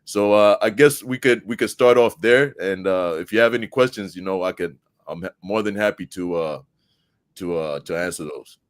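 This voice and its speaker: Zambian guy, real low voice, laid back chat with lots of uh and um. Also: normal speed, dry recording, clean studio sound. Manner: relaxed, many fillers and restarts. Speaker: guest debater. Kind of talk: casual live-stream chat.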